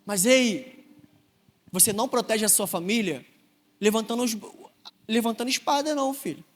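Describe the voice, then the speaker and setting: A man's voice: sits high, lively intonation, normal speed. A young man with a Rio de Janeiro Brazilian accent preaching a sermon, telling earnest personal stories with rising emphasis. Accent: Brazilian Portuguese, Rio de Janeiro. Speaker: deacon preaching. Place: large church hall. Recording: long church reverb.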